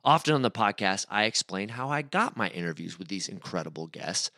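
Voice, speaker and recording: A man hosting a podcast, narrating an introduction with lively enthusiasm. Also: on the low side, a little fast, dry recording, clean studio sound. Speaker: podcast host. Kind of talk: scripted narration.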